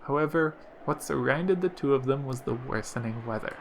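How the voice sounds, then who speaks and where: A man reading a visual novel aloud in a steady storytelling manner. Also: medium pitch, moderate pace, creaky, slight background noise. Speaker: let's play narrator.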